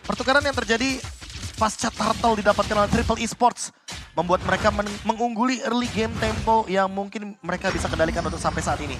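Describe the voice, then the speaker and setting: Male esports analyst, high-pitched voice, explanatory game commentary with music behind. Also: fast talker.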